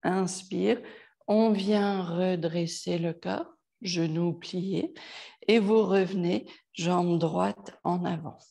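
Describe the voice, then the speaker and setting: A woman guiding a yoga class, giving slow, calm cues and softly counting breaths. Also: on the low side, creaky. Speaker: yoga teacher. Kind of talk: guided yoga class instruction.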